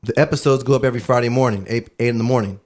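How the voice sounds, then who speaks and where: A man co-hosting a casual studio podcast, excitable and quick to swear and laugh. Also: mid-range voice. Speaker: podcast co-host. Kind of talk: casual chat.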